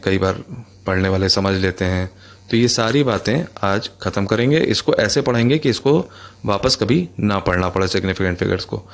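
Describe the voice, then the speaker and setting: Male physics teacher, lowish voice, casual lecturing tone, repeats himself, addresses listeners directly. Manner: conversational, addresses listeners as bhai, repeats phrases. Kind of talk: explanatory lecture.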